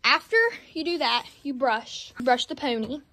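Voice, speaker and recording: High-voiced young woman vlogging in a barn. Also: moderate pace, sharp tone, a little hiss or hum. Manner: chatty, explains each grooming step to the viewers. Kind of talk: casual barn vlog narration. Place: indoor horse barn aisle and stalls. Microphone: phone camera, held or propped nearby.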